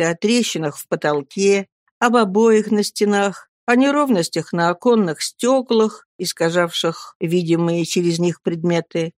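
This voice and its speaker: A woman reads a novel aloud in scripted audiobook narration, measured and expressive. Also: on the low side, no echo, studio quality. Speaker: audiobook reader.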